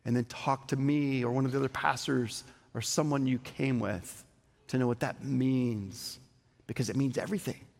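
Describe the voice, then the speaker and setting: A man preaches in a church sanctuary, his gravelly voice trailing off into a long hall reverb. He takes his time, leaning on single words and leaving dramatic pauses between them. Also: mid-range voice, steady tone, a little mellow. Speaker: pastor. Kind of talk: sermon.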